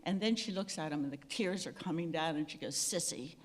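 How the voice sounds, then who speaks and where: A woman's voice: low-pitched, fast talker. An older woman telling stories on a panel in a wry, self-deprecating way, with many fillers and restarts. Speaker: panel speaker. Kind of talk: storytelling on a panel. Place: event hall. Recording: echoey hall with long reverb.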